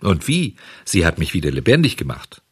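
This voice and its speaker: A man voicing a stubborn, whiny puppet boy in a storybook reading, whining and pleading in a high, excited voice. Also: moderate pace, husky, no echo, clean studio sound, heavily acted. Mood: cheeky.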